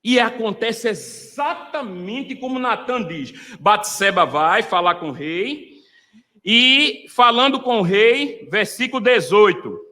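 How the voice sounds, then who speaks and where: A pastor preaches with fervor, his high voice rising as he calls out to the congregation. His tone is bright and forceful, and it rings out with the long reverb of a large hall. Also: expressive, slow pace. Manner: fervent preaching, calling out to the congregation. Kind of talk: sermon.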